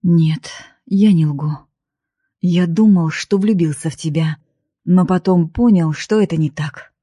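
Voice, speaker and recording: A despondent young man in a cell turns away from his beloved in an audiobook, read by a woman. His words come out muffled and flat, low and dark. The voice is husky and sits close and dry. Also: measured pace, dry recording. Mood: cold. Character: young male prisoner, despondent, pushing lover away. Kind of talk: audiobook dialogue reading.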